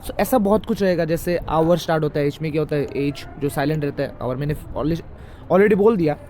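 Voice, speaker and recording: A man with a fairly high voice leads a grammar lesson, explaining each rule slowly and asking the listener question after question. Faint street noise sits behind him. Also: a little mellow. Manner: explains by quizzing the viewer with repeated questions. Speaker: English grammar teacher. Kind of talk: classroom-style grammar lesson.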